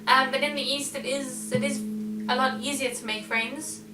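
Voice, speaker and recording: Chatty high-voiced South African woman. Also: steady tone, normal speed, echoey room, far from the mic, over loud music, rough recording. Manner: chatty, storytelling with lots of fillers. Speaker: vlog co-host. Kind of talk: casual chat.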